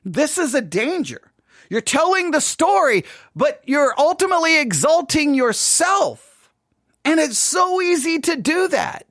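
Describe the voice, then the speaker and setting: A man's voice: very high voice, very animated, unhurried, fairly bright tone, no echo, studio quality. A middle-aged man, a pastor with a West Texas twang, giving a seated teaching talk with emphatic repetition and rhetorical questions. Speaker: pastor speaking at a conference.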